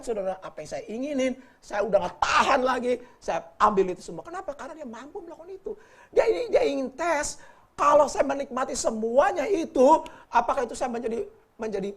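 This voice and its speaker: A man gives a relaxed Bible teaching with a husky edge to his voice. His pitch swings widely as he jokes and turns often to his listeners with direct questions. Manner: lively, jokey, often addresses listeners as brothers. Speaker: preacher.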